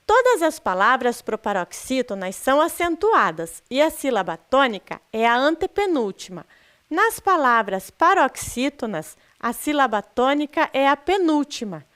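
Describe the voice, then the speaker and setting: A woman's voice: sits high, very animated, moderate pace, a bit bright, clean tone. A Brazilian woman teaching a recorded lesson to sixth graders, patiently questioning the class and stressing syllables. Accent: Brazilian Portuguese.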